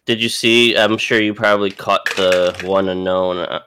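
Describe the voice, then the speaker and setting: Drowsy easygoing man, lowish voice. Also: steady tone, normal speed, background noise. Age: late 20s. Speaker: podcast co-host. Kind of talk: casual chat.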